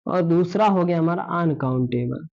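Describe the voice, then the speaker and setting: A man's voice: fairly high pitch, normal speed, gravelly, a little mellow. A man teaches a grammar class, asking questions aloud and then answering them himself. He repeats his points in a patient classroom manner. The recording sounds dull and lo-fi. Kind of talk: classroom lesson explaining.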